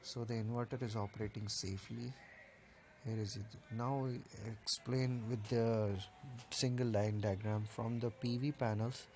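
A man's voice: medium pitch, level tone, normal speed, mellow, a little hiss or hum. A man walking through a rooftop solar installation, explaining each part step by step in a plain, casual way, with the odd filler. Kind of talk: casual technical walkthrough.

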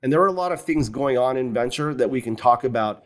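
Here a man of about fifty-something from the United States, founder of a fund, talks calmly about his career path. It's a conversational interview captured on his webcam in a wood-cabineted home office; his pitch sits in the middle, and "you know" comes up frequently.

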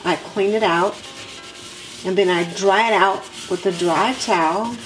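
A woman in her home kitchen, walking viewers through cleaning her sink step by step in a relaxed, practical way. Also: medium pitch, measured pace. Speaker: homemaking vlogger. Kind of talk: cleaning tutorial narration. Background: background music.

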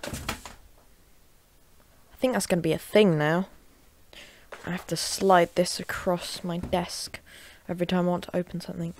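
Woman gamer reviewer, low-pitched and gravelly, casual desk commentary with sudden loud yells. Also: a little hiss or hum. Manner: chatty and offhand, bursting into loud shouts while gaming. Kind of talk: casual unboxing and gameplay commentary. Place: at a desk at home.

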